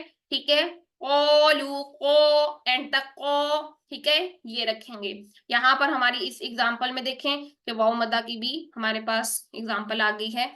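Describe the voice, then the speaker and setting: A woman teaching an online Quran recitation lesson, patiently repeating herself and modelling each sound slowly. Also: high-pitched, pushed and bright.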